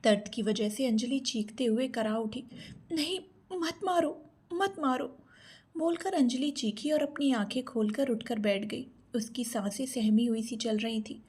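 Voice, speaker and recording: Husky woman narrating a romance story. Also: fairly high pitch, moderate pace, hardly any pauses. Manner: steady, dramatic storytelling. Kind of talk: scripted audio-story narration.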